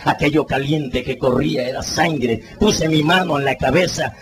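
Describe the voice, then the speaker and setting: A man giving a dramatic spoken testimony as a preacher, telling it earnestly and rising into anguished pleading shouts. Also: fairly high pitch, normal speed, noisy background.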